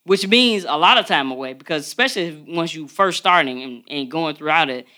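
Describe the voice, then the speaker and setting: Bright, animated woman podcast co-host. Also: deep voice, fairly quick. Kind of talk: casual chat. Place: podcast studio.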